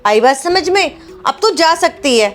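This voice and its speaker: A woman's voice: extremely high pitch, expressive, unhurried, soft background music. A woman playing a strict, domineering mother-in-law in a family drama skit, scolding and bossy. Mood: smug.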